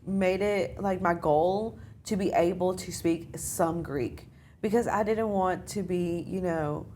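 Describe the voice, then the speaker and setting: A woman's voice: lowish voice, takes it slowly, warm tone, a little hiss or hum. A young American woman, a student, chatting casually in an interview with lots of filler phrases. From United States. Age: young adult. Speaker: study abroad student guest.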